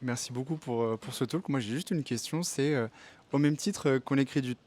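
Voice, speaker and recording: A man's voice: mid-range voice, fairly quick, a little mellow. A man with a French accent asking a casual question from the audience at a meetup.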